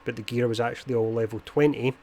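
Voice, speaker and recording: A man's voice: medium pitch, steady tone, quick pace, warm tone, slight background noise. A man streaming a video game, casually explaining its gear system between chatter with players, in a self-described posh voice. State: had a beer. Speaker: gaming streamer. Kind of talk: casual live-stream commentary.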